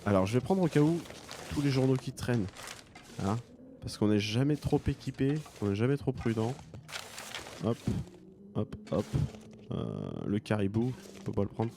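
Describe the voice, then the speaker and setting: Over some background noise, a gaming streamer with a French accent provides let's play commentary on a game he's playing, cracking jokes and thinking out loud. His voice is mid-range and his pace normal.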